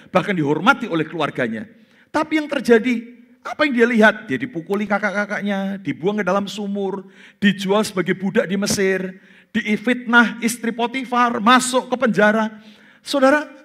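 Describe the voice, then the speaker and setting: Animated preacher man, high voice. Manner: animated preaching, acts out voices of Bible figures. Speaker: pastor. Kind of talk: sermon.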